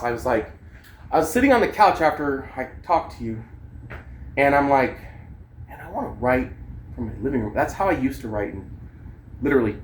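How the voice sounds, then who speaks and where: A man with a medium-pitched voice talks casually and ramblingly to the camera, with a little hiss or hum in the background. He's a vlogger and amateur songwriter who drops slangy, sweary asides while demonstrating his gear.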